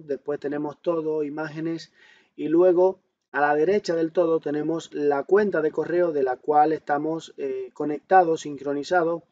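His voice is mellow and sits on the high side. He's an instructor narrating a step-by-step smartphone tutorial over a screen recording, explaining while he demonstrates and frequently posing questions he then answers, with a dull, lo-fi quality to the audio.

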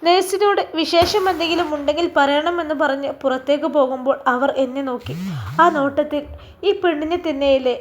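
A woman from Kerala narrating an emotional story in a soft, earnest manner. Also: high-pitched, fairly even intonation, a little fast.

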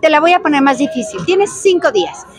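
An older woman with a Mexican accent, answering reporters in an animated, emphatic and chatty way. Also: high-pitched, fairly quick, no echo, poor audio. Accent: Mexican Spanish. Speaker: talent show judge, interviewee. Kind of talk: answering reporters in a press interview.

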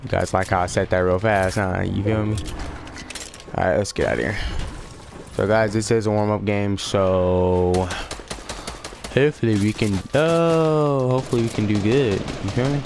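A man's voice: fairly low pitch, moderate pace, creaky, background noise. A young man casually commentating his own video game play, slangy and swearing when frustrated. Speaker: gaming YouTuber.

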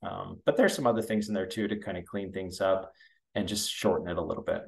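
A man's voice: deep voice, steady tone, fairly quick, creaky, darkish tone. A middle-aged man, a school superintendent, walking through a board meeting agenda over a screen share in an informal, explanatory way, with frequent ums and restarts. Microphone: computer webcam mic.

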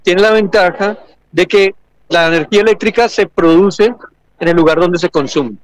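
A man's voice: high-pitched, normal speed, a little hiss or hum, poor audio. A man with a Colombian accent, an engineering lecturer and researcher, explaining energy topics at a fair stand and often checking understanding. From Argentina and Colombia. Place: large indoor exhibition hall.

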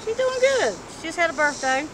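High-voiced chatty middle-aged woman outdoors. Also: brisk. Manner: animated, chatty, acts out quoted voices. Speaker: interviewee. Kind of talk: street interview, candid chat. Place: outdoor parking lot. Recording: street noise in the background.

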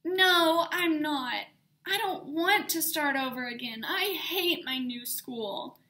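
A sulky, stubborn grown-up whines and drags her words out slowly, as a woman reading a picture book puts her on. The voice is pitched very high and bright. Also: exaggerated voice. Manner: whiny, sulky, drawn out. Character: reluctant, whiny nervous new teacher.

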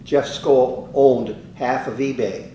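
A man's voice: steady tone, slow, warm tone. Older man telling rambling stories, roomy. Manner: rambling anecdotes, acts out quoted dialogue. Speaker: interviewee, business owner. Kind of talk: casual storytelling. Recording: roomy, distant mic with faint rumble.

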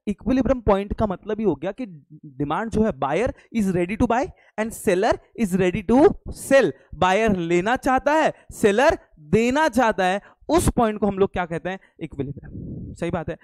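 A man's voice: high voice, lively intonation, normal speed, a little mellow, dry recording. A young man teaching an online commerce class live, playful and teasing, quizzing students and answering his own questions, slipping English phrases into his talk. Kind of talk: live online lecture with jokes.

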